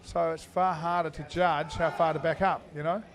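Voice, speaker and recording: A man giving live commentary on an indoor cricket match, chatty and full of fillers, now and then breaking into loud greetings to viewers. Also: on the high side, fairly even intonation, moderate pace.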